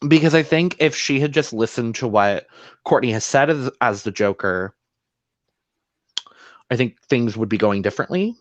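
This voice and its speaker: A man's voice: medium pitch, expressive, normal speed, pauses often, no room sound, lo-fi sound. A man co-hosting a casual podcast, recapping a show and slipping into playful voices for quotes. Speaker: podcast co-host.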